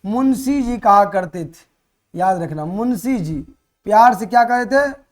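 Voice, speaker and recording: High-voiced teacher. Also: male voice, lively intonation, unhurried. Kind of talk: explaining a Hindi chapter for board exams.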